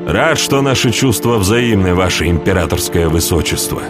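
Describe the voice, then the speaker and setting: A man reading an audiobook, voicing a dry-witted, blunt young count in a calm, wry manner. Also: low voice, moderate pace, over music. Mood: cold.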